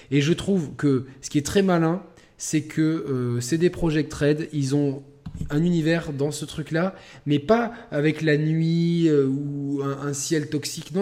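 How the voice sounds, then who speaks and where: A man hosting a casual gaming podcast, talking with animated stops and restarts. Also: on the high side. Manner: animated, stumbling restarts, laughing storyteller. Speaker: podcast host.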